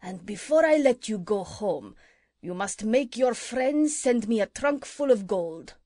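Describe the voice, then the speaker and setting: A woman voicing a boastful, bullying male pirate chief who taunts and shouts in a storybook reading. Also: on the high side, expressive, measured pace, no echo, clean studio sound. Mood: gloating. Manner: loud, gloating, taunting.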